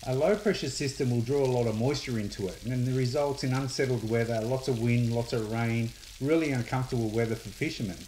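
A man's voice: mid-range voice, fast, few pauses, warm tone, slight background noise, low-quality recording. Australian man explaining in a matter-of-fact way. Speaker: fishing show host. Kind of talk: explanatory fishing video. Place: kitchen indoors.

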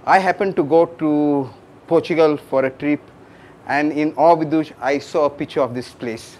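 A middle-aged cafe owner speaking casually and hesitantly in an interview, seated indoors. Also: male voice, a little high, steady tone, a little slow, a little mellow, a little hiss or hum. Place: indoor room.

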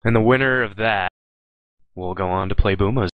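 A young man co-casting an online game match, making quick announcements and teasing his partner. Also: lowish voice, no room sound, narrow, tinny audio. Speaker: esports caster. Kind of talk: live esports commentary.

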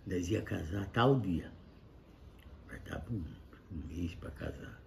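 A very old Brazilian man with a gravelly, creaking voice reminisces casually. He speaks plainly and haltingly, often circling back to repeat himself. The voice sits a little low, with clear room noise behind it. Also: a little mellow. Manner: halting, repetitive, plain-spoken. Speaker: grandfather sharing life lessons. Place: indoor kitchen-like room, seated at a table. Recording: clearly noisy room ambience.

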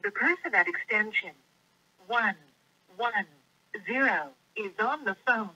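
A woman's automated voicemail prompt heard over a telephone line, flat, measured and impersonal. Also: medium pitch. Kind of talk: automated phone system prompt. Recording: muffled phone line.

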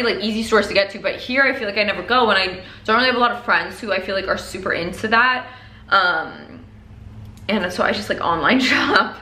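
A young woman lifestyle vlogger chats casually to the camera, rambling and scattering "like" through her sentences. Her mid-range voice has a bright, forceful tone. She is indoors at home, mostly in a living room or bedroom, and the room is echoey with faint noise.

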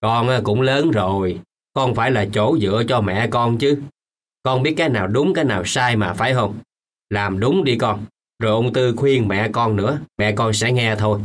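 A man performs a kindly, remorseful old man in a radio play, his voice sitting at a middle pitch. He speaks with gentle warmth and turns firm when he scolds. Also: moderate pace, natural voice. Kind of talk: radio drama acting.

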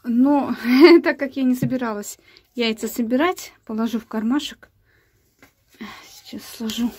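A woman casually vlogging outdoors from her garden and chicken yard, unhurried and searching for words, cooing fondly at her hens. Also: on the high side, darkish tone, a little hiss or hum. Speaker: village vlogger. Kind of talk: casual walk-and-talk vlog.

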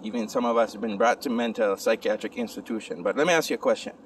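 A man's voice: on the low side, fast. Young man's Rasta speech, recorded slightly distant. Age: young adult. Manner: Rastafarian phrasing, preacher-like insistence with repetition. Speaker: vlogger. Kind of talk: Rasta speech, informal reasoning talk to camera. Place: outdoors under open sky and trees. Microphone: phone held at arm's length. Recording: distant phone recording with outdoor noise.

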